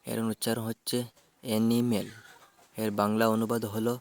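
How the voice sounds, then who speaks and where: A man with a fairly low, gravelly voice teaches vocabulary. He spells English words letter by letter and offers their Bengali meanings, speaking in a measured, even way.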